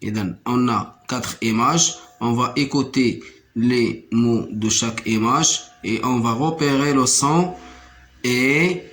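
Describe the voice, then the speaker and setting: A man teaching a primary school French lesson, repeating each word slowly and counting out the syllables. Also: mid-range voice, fairly bright tone.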